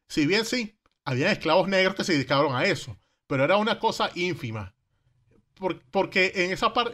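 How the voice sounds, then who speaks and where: History comes across in easygoing, slangy speech from a man with a Venezuelan Caribbean Spanish accent and a fairly high, fairly bright voice. He throws in rhetorical questions and acts out the quotes.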